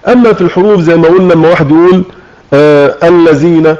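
A man with an Egyptian accent teaching a religious lesson, explaining with questions to his listeners and slowing down to demonstrate recitation. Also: a little high, darkish tone. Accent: Egyptian Arabic. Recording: muffled lo-fi online audio room.

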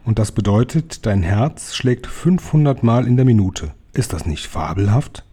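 A man reading the lines of an 86-year-old grandmother, slow and gentle, in an audiobook. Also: lowish voice, animated, breathy edge. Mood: tender. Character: 86-year-old grandmother, calm, loving and wise.

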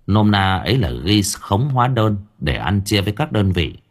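A man narrating a story in a colloquial, wry and lively way. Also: low voice. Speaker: audiobook narrator.

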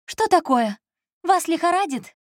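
A young woman, anxious and sharp-tongued, as a female narrator puts her on, in an audiobook. She talks in a raised, brisk, teasing way, pitched well above the reader's own voice. The sound is dry and close. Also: animated, no echo. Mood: worried. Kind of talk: audiobook character voice.

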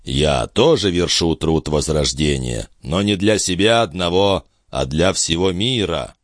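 A man voicing a loyal, humble male disciple who speaks in a low, subdued, respectful tone. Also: expressive, a little slow, dry recording, clean studio sound. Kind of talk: audiobook character voice.

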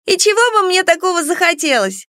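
A woman's voice: extremely high pitch, very animated, a little fast, bright, forceful tone, no room sound, clean studio sound, pitched above the performer's own voice, heavily acted. A woman voicing a playful small female creature companion who teases and grumbles. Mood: teasing. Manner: teasing, grumbling.

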